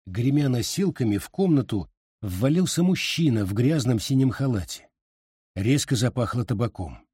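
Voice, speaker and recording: Guy reading a story, mellow husky voice, dry close mic. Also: medium pitch, expressive, normal speed, no room sound. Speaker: audiobook narrator. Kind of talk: scripted narration.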